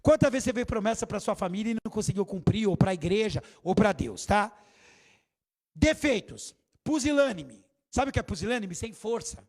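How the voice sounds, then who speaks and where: High voiced guy preaching in church, animated, acts out the quotes. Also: moderate pace. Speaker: bishop. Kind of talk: sermon.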